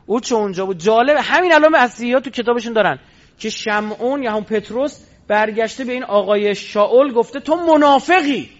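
Guy preaching in a high voice, tells it like a story and asks questions then answers, dull lo-fi sound. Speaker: religious lecturer. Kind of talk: storytelling sermon. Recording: dull lo-fi recording.

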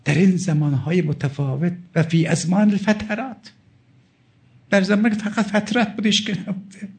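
A man's voice: high-pitched, fairly even intonation. A middle-aged male cleric giving a religious sermon, emphatic and pleading as he quotes and explains Arabic texts. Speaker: cleric preacher.

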